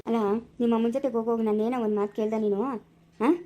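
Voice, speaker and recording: A woman's voice: fairly high pitch, steady tone, fast, warm tone, close to an everyday voice. Woman playing a brusque village husband. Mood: stern. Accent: rural Chikkaballapura Kannada. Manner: curt, scolding, dismissive. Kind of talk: amateur family village drama.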